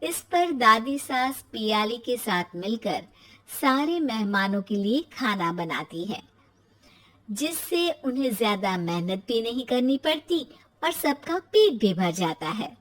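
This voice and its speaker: A woman narrating a scripted cartoon family story in an animated storytelling style. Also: fairly high pitch, slow, rough recording.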